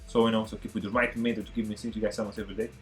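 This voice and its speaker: A man from Portugal in his thirties, a native Portuguese speaker, chatting excitedly to viewers as he reacts to an old film. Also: lowish voice, very fast, soft background music. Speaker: movie reaction host. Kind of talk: casual reaction commentary.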